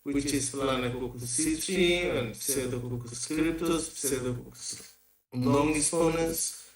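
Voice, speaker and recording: A man giving an academic seminar lecture from afar over a bad online connection, speaking haltingly and restarting his phrases often. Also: mid-range voice, soft background music. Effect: remote voice over a bad online connection. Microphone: video call. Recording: distant, echoey video-call audio.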